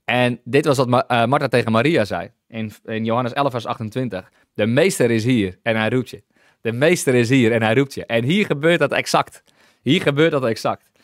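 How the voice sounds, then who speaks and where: A man's voice: medium pitch, fairly quick, dry recording, clean studio sound. Enthusiastic Dutch-speaking Bible teacher man. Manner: enthusiastic, exclaims hallelujah often; many restarts while reading and explaining scripture.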